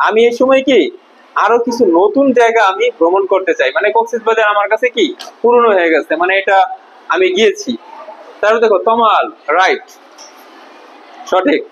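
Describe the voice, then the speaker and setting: A man's voice: sits high, moderate pace, long pauses, fairly bright tone, lo-fi sound. A man with a Bangladeshi accent teaching an English lesson to children. He asks questions and answers them himself, and repeats key words. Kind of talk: classroom lesson.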